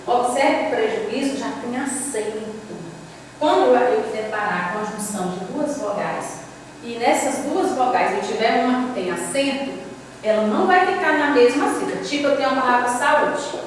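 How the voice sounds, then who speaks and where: A woman's voice: on the high side, animated, normal speed. A woman teacher explains a lesson step by step and keeps saying "ó" as she points to the board. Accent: Brazilian Portuguese. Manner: explains step by step, often says "ó" while pointing. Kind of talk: recorded classroom lesson. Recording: echoey room, distant mic, faint noise.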